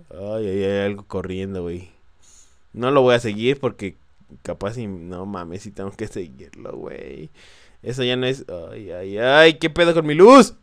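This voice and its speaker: A young Mexican man talking through a horror shooter he is playing, full of nervous yelps and curses. His voice sits low and is smooth and clear. It is recorded close and dry, with no room around it. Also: no room sound. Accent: Mexican Spanish. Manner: jumpy, swearing, nervous exclamations. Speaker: gameplay commentator. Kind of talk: let's play commentary.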